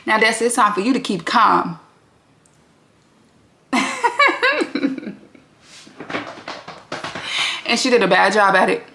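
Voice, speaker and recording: A woman hosting a reality TV recap, talking bluntly and with plenty of profanity in an animated, candid way. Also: on the high side, unhurried, vocal fry. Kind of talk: candid vlog commentary. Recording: roomy echo.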